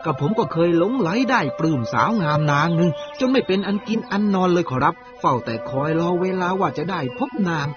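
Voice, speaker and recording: A man's voice: high voice, fairly quick, few pauses, close to an everyday voice. A man playing an earnest old brahmin father in a dramatised story, speaking politely and formally to his teacher. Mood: rueful. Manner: polite, deferential, old-fashioned formal speech. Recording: dull lo-fi audio with clear music behind.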